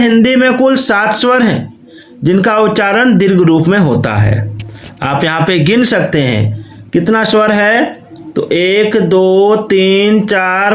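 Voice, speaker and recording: A man's voice: high-pitched, reverberant. A man teaching Hindi grammar in a recorded online lesson, who explains step by step and often repeats his questions. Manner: says "okay" and "you can see" often.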